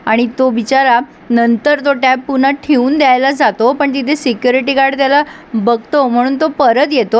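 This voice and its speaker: A woman, retelling a serial episode in casual narration and reading the characters' lines in her own voice. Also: high voice. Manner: retells scenes and reads characters' lines in her own voice, laughs now and then.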